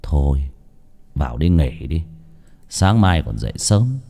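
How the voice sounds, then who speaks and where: A man voicing a tired middle-aged village elder brother who talks in a low mutter. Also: very animated, a little slow, vocal fry, mellow, full character voice. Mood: weary.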